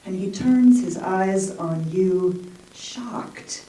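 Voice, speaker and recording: A woman's voice: mid-range voice, very slow, dark tone, slight background noise. A woman poet and college English professor reading her poems, with casual, self-deprecating asides between them. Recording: roomy echo, mic far off.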